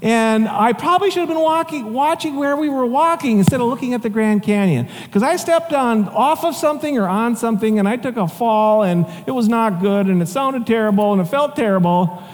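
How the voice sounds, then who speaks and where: A man preaching a sermon, telling a personal story in a conversational, animated way with asides and chuckles. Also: extremely high pitch, a little fast, hardly any pauses. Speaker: pastor. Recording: long reverb of a large hall.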